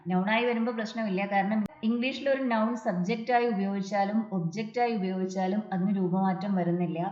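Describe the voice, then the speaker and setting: A woman's voice: medium pitch, darkish tone. Woman tutor in an echoey room. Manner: explains step by step, reads English example sentences slowly. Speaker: English exam tutor. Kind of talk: exam prep lesson. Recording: dull echoey room recording.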